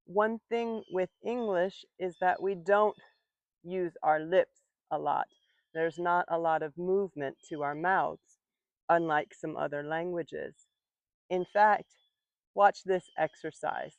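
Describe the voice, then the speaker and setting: Slow, patient woman teaching English outdoors. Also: lowish voice, fairly even intonation, dry recording, highs cut off. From United States. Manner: slow, clear, patient explaining. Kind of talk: slow English lesson while gardening. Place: outdoor garden, rooster in background.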